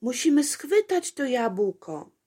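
A woman's voice: high-pitched, very animated, takes it slowly, dark tone, slightly rough, pitched above the performer's own voice, exaggerated voice. A woman doing Apolejka, a fretful little princess. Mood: urgent. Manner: exclaiming, breathless worry. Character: fussy little princess girl, easily worried.

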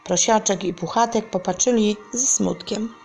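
A woman reading a children's story aloud, gentle and deliberate. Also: mid-range voice, soft background music.

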